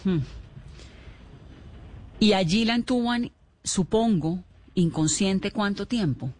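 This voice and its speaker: A woman's voice: mid-range voice, takes it slowly, a little mellow. A woman hosting a radio interview, asking questions and stopping to explain things for the listeners.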